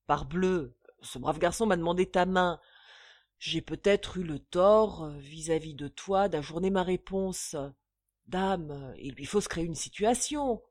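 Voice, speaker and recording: A woman voicing a greedy, hot-tempered bourgeois father who blusters in loud outbursts. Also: lowish voice, measured pace, no room sound, studio quality. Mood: coaxing.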